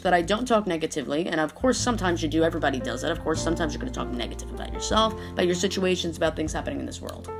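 A woman hosting her own podcast, talking through a casual motivational monologue in an emphatic way that repeats her points and leans on "like". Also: mid-range voice. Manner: emphatic, repeats herself, frequent "like". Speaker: podcast host.

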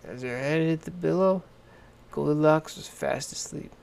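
A man reading a children's fairy tale aloud in a gentle, deliberate manner. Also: fairly high pitch, vocal fry. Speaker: storyteller.

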